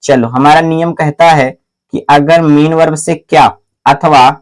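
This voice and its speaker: A man teaching a grammar lesson in a classroom style, asking questions and answering them himself over and over, calling the viewer "my brother" and spelling out letters slowly. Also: a little high, steady tone. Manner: repetitive call-and-response questioning, answers his own questions; slow, deliberate spelling out of letters.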